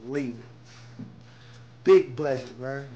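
A man's voice: mid-range voice, extremely slow, warm tone, muffled recording, a little hiss or hum. A young man, a rapper, chatting casually on camera indoors. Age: young adult. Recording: music over handheld home-video audio. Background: music.

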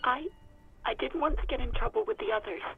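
A woman's voice: high voice, animated, a little fast, gravelly, soft background music, full character voice. An actress playing an anxious, exasperated young woman in a video game, speaking hesitantly and resignedly through a radio receiver. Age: young adult. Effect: radio receiver filter. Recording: narrow tinny radio line.

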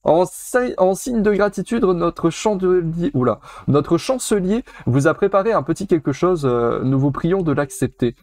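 A man's voice: a little high, lively intonation, moderate pace, hardly any pauses, darkish tone, no echo. A man voicing a polite young princess of a forest tribe in a raised, formal voice, reading game dialogue with small hesitations. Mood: gracious. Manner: prim, formal, slightly hesitant.

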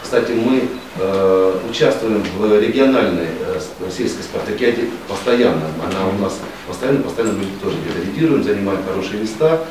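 A middle-aged man with a fairly low voice reports in a businesslike tone, dotted with fillers. He is heard from a distance in a very echoey office, with steady noise underneath. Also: moderate pace, few pauses. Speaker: district official. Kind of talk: formal reception conversation. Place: office reception room, indoors. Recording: echoey office room from afar, noisy.

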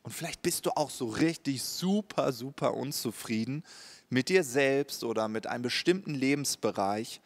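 A man's voice: mid-range voice, animated, normal speed. A man preaching a sermon as a pastor, speaking straight to the listener and often checking in with a short "ja?". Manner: direct address with frequent "ja?" check-ins.

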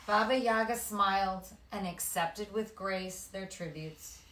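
A woman reading a children's story aloud with expressive, dramatic delivery. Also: medium pitch, slow, far from the mic. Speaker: guest storyteller. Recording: echoey room.

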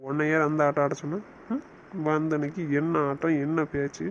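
A man's voice: a little high, level tone, a little fast, lightly acted. Cast a man as a bossy, teasing young husband for an audio romance series, muffled home recording with faint hiss. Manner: teasing, scolding banter.

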